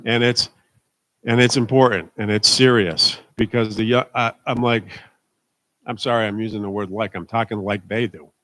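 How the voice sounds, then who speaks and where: A man's voice: fairly low pitch, fairly even intonation, normal speed, fairly bright tone. A middle-aged man, a pastor, giving an informal, conversational sermon at a church service, emphatic and calling for amens. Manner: emphatic, asks the congregation for amens.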